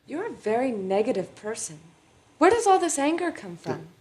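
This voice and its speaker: A woman's voice: fairly high pitch, sing-song, normal speed, darkish tone. An actress playing an inexperienced woman therapist leading a support group, with earnest, probing questions. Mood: coaxing.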